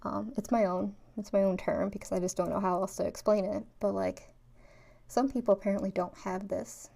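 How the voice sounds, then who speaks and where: A woman's voice: medium pitch, steady tone, a little fast, creaky, mellow. A woman from New York telling stories in a casual, rambling way, full of fillers, as a spiritual vlogger. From New York, USA. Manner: chatty, rambling, with many 'like' and 'um' fillers. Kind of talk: casual storytelling.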